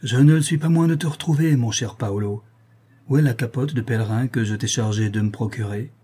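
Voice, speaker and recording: A man's voice: medium pitch, fairly quick, dark tone, breathy edge, lightly acted. A man reading aloud and voicing a young nobleman who speaks firmly and commandingly. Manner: firm and commanding. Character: resolute young male nobleman.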